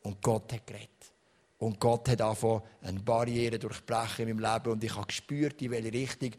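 A man with a Swiss German accent preaching a sermon in an animated storytelling way, swinging between soft and loud. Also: fairly low pitch, fairly quick.

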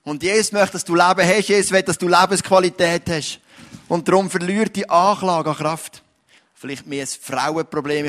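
A man's voice: fairly high pitch, fairly bright tone. A male pastor with a Swiss German accent, preaching a sermon in an earnest style that rises to emphatic declarations.

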